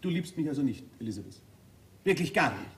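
An actor playing a formal, measured husband who is hurt but stays polite, in a stage play recording. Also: male voice, medium pitch, sing-song, lightly acted. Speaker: Arnold. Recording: distant stage mic with faint room noise.

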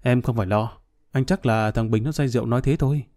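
A man voicing a sly, scheming middle-aged man who brushes off worries in a smooth, dismissive way, in a storybook reading. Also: mid-range voice, fast talker, warm tone, close to an everyday voice.

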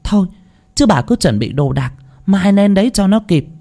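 A man voicing a loud, anxious old village neighbor woman who shouts her warnings. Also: lively intonation, normal speed, vocal fry. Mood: urgent shouting. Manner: shouting, high-pitched, urgent.

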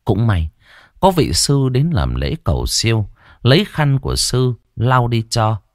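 A man's voice: mid-range voice, sing-song, a little slow, no room sound, studio quality. A man narrating a scripted ghost story with dramatic, heavily inflected delivery.

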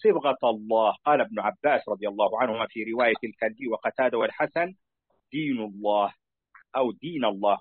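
A man reading a classical commentary aloud to his teacher, at a steady pace, going back over phrases to correct his slips. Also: medium pitch, no echo. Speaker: student reading a book aloud to a sheikh. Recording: tinny phone-like dry recording.

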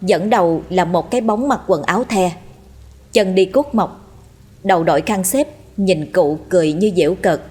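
A woman storyteller reading a scripted horror story in a steady, dramatic way. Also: fairly low pitch, normal speed, slightly rough. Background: faint music.

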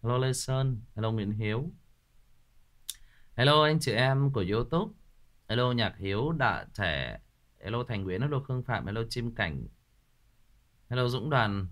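A man's voice: medium pitch, very animated, a little slow, long pauses, a bit bright. Joking male livestream host. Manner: joking, teasing banter. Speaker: livestream host reading ghost stories. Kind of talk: casual livestream chat greeting viewers.

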